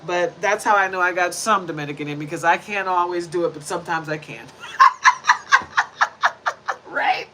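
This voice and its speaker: A tarot reader in her forties talks to camera in a chatty, preachy way, full of tag questions, shuffling and laying out cards as she goes. Her voice is fairly low and moderately paced with long pauses, and the recording is very noisy.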